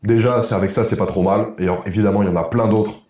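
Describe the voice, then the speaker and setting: A man's voice: on the low side, fairly even intonation, fast, a little mellow. A man coaching viewers in a direct-to-camera vlog, blunt and informal, speaking to the viewer as a buddy and checking in with "ok?". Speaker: masculinity and dating coach. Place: indoor room. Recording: echoey room.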